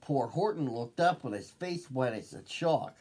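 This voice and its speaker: A man reading a children's picture book aloud as host, with a slow, lively storyteller's lilt. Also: medium pitch, husky.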